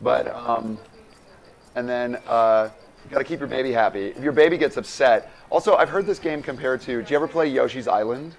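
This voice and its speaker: A man's voice: medium pitch, brisk, vocal fry, low-quality recording. A man co-hosting a live game stream, chatting casually and rambling with lots of filler words. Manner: rambling, animated, many "like" fillers. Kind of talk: casual chat while playing a game.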